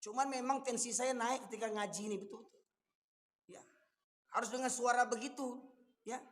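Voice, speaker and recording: A man with a Minangkabau accent preaching a fiery sermon, forceful, rising to shouts and firing rhetorical questions. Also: very high-pitched, steady tone, moderate pace. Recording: long reverb from a large hall.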